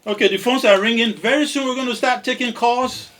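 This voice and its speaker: A man's voice: extremely high pitch, fairly quick, recorded from a distance. A man with an African accent hosting a casual radio talk show, who exclaims often and reads out the call-in number. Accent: African English. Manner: animated, exclaims in surprise, taking calls.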